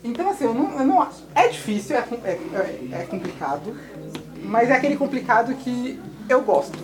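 Fast-talking young São woman. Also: fairly high pitch, sing-song. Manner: quick, chatty, often laughing. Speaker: museum educator and podcast host. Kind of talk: casual interview with schoolchildren. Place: museum TV studio. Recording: noisy crowd of children. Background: noisy group of students.

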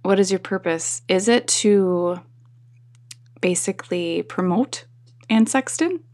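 A woman podcast host with a husky, sleepy morning voice, rambling casually to her listeners. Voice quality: husky, slightly deeper morning voice. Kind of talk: casual solo talk to listeners.

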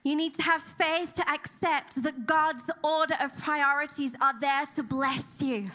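A woman preaching a sermon with chatty asides, pausing for an interpreter. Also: high-pitched. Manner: lively storytelling, chatty asides. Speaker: guest preacher.

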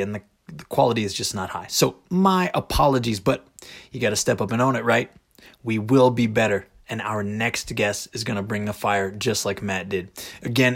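A man's voice: medium pitch, vocal fry, slightly rough. A man hosting a motivational podcast monologue, speaking directly and emphatically with rhetorical questions. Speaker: podcast host.

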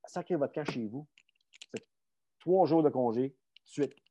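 A man's voice: mid-range voice, animated, a little slow, warm tone, no room sound. A man with a Québécois accent voicing a short-tempered middle-aged coach who barks orders and swears. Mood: angry. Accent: Québécois French.

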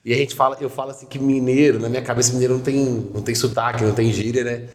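A young man with a Minas Gerais accent chatting as a podcast guest, telling stories in a lively way and slipping into quick impressions. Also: medium pitch. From Minas Gerais, Brazil. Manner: lively storyteller, slips into quick impressions of others. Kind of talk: casual chat.

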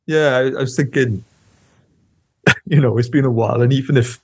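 A man's voice: medium pitch, moderate pace, darkish tone, husky, no room sound. A Welsh man co-hosting a podcast in casual chat, laid-back and swearing freely. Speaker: podcast co-host.

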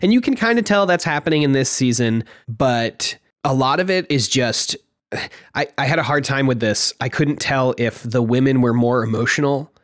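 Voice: mid-range voice, expressive, normal speed, dry recording, clean studio sound. A podcast co-host in casual chat, who often cuts in to agree, laughs a lot and swears casually.

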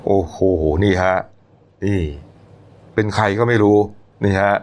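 A man's voice: fairly low pitch, flat delivery, a little slow, a little mellow, a little hiss or hum. Chatty male news commentator. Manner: chatty, opinionated, lots of polite particles. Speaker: news show host.

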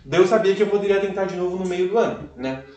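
A young man tells his story as a podcast guest, animated and full of fillers. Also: sits high, fast talker, lo-fi sound. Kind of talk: casual testimony storytelling. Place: live event room. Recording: echoey room, voice far from mic.

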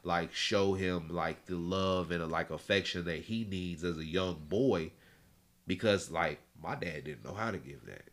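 A man's voice: sits low, a little slow. A man in his late twenties, a guest in a casual podcast chat, talking in a laid-back, rambling way full of slang and fillers. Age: 20s.

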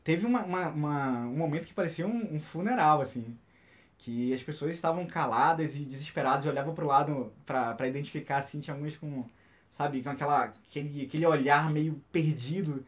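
A man with a Brazilian Portuguese accent chatting on a film podcast, speaking haltingly and searching for his words. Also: on the high side. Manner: halting, many fillers and restarts. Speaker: podcast co-host. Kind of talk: casual podcast chat.

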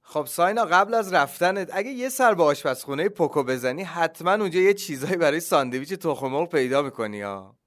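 A man hosting and reading a children's story aloud, with lively, animated narration. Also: fairly high pitch, hardly any pauses. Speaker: host and storyteller.

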